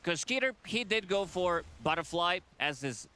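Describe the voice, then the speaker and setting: A man's voice: high voice, expressive, normal speed, sharp tone, smooth. A man giving analytical color commentary on an esports match, talking through builds.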